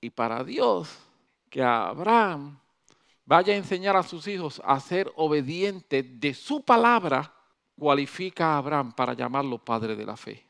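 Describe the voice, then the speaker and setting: High-voiced animated male preacher. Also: a little slow, gravelly. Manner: animated, swinging between loud emphasis and soft asides. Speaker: pastor. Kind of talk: sermon.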